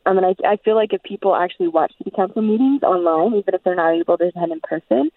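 A woman's voice: medium pitch, very fast, dry recording, distant mic. Chatty woman caller on a phone line. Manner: chatty, animated, many fillers. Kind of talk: call-in radio talk. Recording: tinny phone line from afar.

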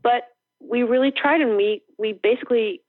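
A middle-aged woman from New Jersey, an author guest telling stories in a lively, animated way with quick restarts. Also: fairly high pitch, no room sound. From New Jersey, USA. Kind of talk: casual interview chat. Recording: tinny phone line, dry.

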